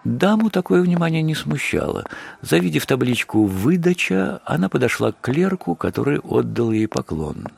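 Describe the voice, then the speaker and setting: A man's voice: on the high side, very animated, moderate pace, creaky, hardly any pauses, a little mellow, breathy edge. A man narrating a dramatic story from a script.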